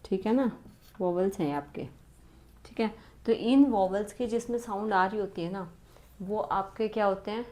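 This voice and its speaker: A woman teaches an exam-prep grammar lesson in a mid-pitched voice. She keeps checking in with her students through rhetorical questions. Her example sentences come out slowly and word by word. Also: dark tone.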